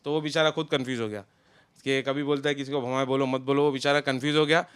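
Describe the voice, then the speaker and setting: A man's voice: mid-range voice, fast talker, clean tone, no room sound. A young man, chatting loosely as an interview guest about a friend. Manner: relaxed, talks in loose run-on sentences. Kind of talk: casual interview chat.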